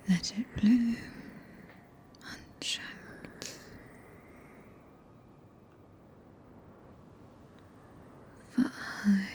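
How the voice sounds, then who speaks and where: A regal witch played by a woman whispers in a soft British accent, drawing out each phrase very slowly. Her breathy voice is mellow, tender and devoted, in an old-fashioned courtly ASMR roleplay. There is a faint noise behind it. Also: mid-range voice. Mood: tender, sensual. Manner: slow, archaic, soothing speech.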